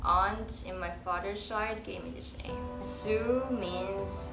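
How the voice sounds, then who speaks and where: A woman's voice: medium pitch, steady tone, slow pace. A young woman from South Korea, explaining things carefully in an interview. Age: young adult. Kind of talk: casual interview answers. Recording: echoey room, distant, loud music.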